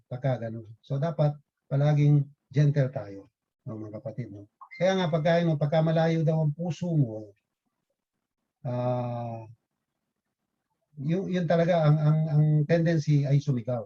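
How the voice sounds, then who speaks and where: A man's voice: fairly high pitch, mellow. A man giving a casual religious talk to fellow believers, rambling with many fillers and tag questions. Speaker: lay preacher. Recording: dull lo-fi recording.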